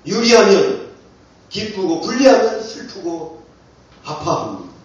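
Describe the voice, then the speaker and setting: A male pastor delivers an impassioned sermon with a high, swinging voice, pressing the congregation with question after question. He is heard from a distance in an echoey church hall on a dull, muffled recording. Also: sing-song, unhurried, a little mellow. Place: church sanctuary.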